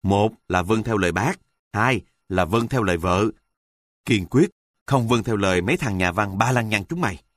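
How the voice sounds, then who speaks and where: A man's voice: fairly low pitch, animated, moderate pace, a bit bright, no echo, studio quality. A man voicing a stubborn, boastful hard-drinking husband who talks bluntly and crudely.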